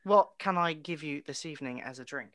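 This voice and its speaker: Bright-voiced young man hosting a podcast. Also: fairly high pitch, a little fast. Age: young adult. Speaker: podcast host. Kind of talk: casual pub-style podcast chat.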